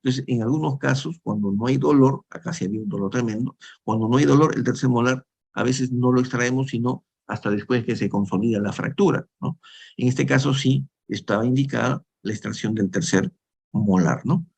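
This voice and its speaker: A man's voice: medium pitch, a little fast, creaky, darkish tone, husky. A man in his fifties from Peru, giving a dental lecture in a conversational way, often checking in with his listeners. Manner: conversational, frequent tag questions, restarts. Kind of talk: lecture with slides.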